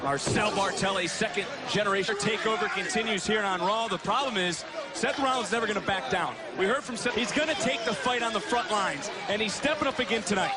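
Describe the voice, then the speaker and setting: A man calling live wrestling as an emphatic, often shouting play-by-play commentator. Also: sits high, a little fast. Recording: loud arena noise behind voice. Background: noisy live wrestling event.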